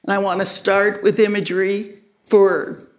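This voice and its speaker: A woman teaching guided imagery to a live audience in a crowded room, explaining in a measured way. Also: medium pitch, little pitch movement. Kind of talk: live lecture to a group.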